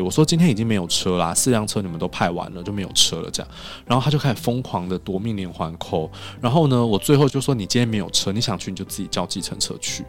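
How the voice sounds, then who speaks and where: A man telling stories in a casual podcast chat in a recording studio, animated and acting out the other people's lines. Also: fairly low pitch. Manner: animated, acts out quoted dialogue.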